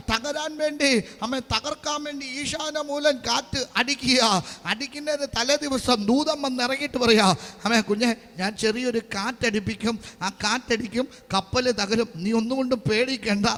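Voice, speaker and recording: A Malayali-accented male pastor with a very high, bright, sharp voice delivers a charismatic sermon, rising to loud proclamations and dropping to quiet asides. He keeps repeating call-and-response praise words. The recording carries the long reverb of a big hall. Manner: rises to loud proclaiming, then drops to quiet conversational asides.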